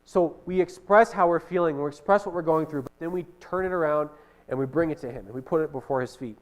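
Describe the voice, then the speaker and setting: A middle-aged man preaches a sermon in an earnest, heartfelt way. His voice sits fairly high, and he stumbles through restarts and fillers. He drops soft and low whenever he quotes a prayer. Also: quick pace.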